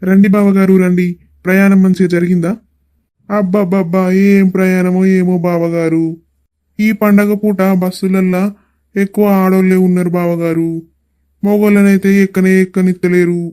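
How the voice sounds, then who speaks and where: A man's voice: sits high, flat delivery, normal speed, dark tone, clear, resonant tone, lightly acted. A man voicing a chatty middle-aged brother-in-law in a cartoon, grumbling with humor in a Telangana accent. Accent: Telangana Telugu.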